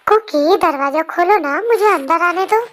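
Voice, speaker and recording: Young voice doing a gentle, friendly little boy. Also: extremely high pitch, normal speed, a little hiss or hum. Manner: soft, pleading. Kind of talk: amateur fan dub acting.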